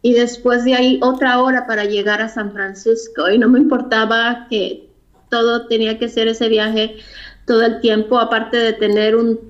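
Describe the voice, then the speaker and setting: A Mexican woman with a Mexican Spanish accent shares her personal story as an interview guest, speaking haltingly and reflectively and often searching for words. Her voice sits on the high side with a flat delivery. The recording is dull and lo-fi.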